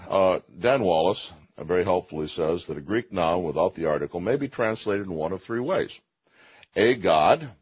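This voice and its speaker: A man's voice: sits low, husky, lo-fi sound. A man giving a theology lecture, explaining carefully, correcting himself and stressing key phrases.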